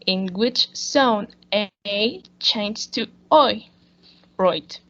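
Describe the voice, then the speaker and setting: A woman reads a school presentation slowly and carefully, stopping to restart words. Her voice sits a little high with a gravelly edge. The recording is dull and lo-fi. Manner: slow, careful reading with small restarts. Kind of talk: read-aloud school presentation.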